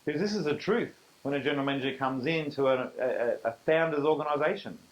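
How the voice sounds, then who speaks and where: A man's voice: medium pitch, fast, low-quality recording. A middle-aged Australian man presents a business seminar to a live audience. He talks in an easy, conversational way and leans hard on key points. He often acts out little bits of dialogue in the same voice.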